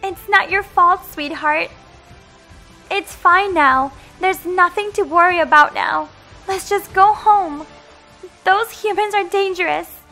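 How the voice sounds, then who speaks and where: A woman voicing a fierce, devoted mermaid mother in an animated game story. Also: very high voice, slow pace, soft background music, full character voice. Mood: tender. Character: fierce, devoted mermaid mother seeking her lost daughter.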